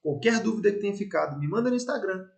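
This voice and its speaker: A man's voice: high-pitched, fast talker, gravelly. Emphatic Brazilian man teaching investing. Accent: Brazilian Portuguese. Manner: energetic, emphatic, repeats phrases for stress. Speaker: investment educator. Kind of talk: casual online lesson walking through charts.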